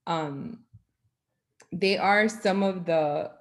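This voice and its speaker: A woman answers an impromptu question on a video call, frank and thinking aloud with many pauses. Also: on the low side. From United States, Cuban parents.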